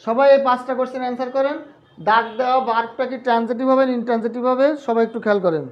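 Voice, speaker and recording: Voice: mid-range voice, fairly even intonation, racing, dull audio. A grammar teacher giving a live online class, patiently repeating each point and quizzing the students.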